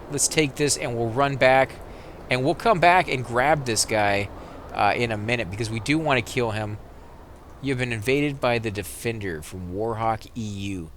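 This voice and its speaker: A man giving casual, rambling let's play commentary, correcting himself as he goes and getting excited in fights. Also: mid-range voice, a little hiss or hum. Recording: game music loud behind voice. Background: game music and vehicle sounds.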